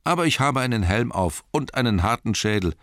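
A man's voice: lively intonation, fairly quick, fairly bright tone, no room sound, clean studio sound, natural voice. A man voicing a small, weary male hobbit, nervous but plucky, in a shaky, raised voice. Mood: sad. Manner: shaky, higher put-on voice.

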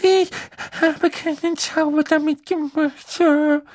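A man voicing a frightened tiny female house-elf who squeaks, stammers and pleads. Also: steady tone, slow, dry recording, clean studio sound. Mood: pleading.

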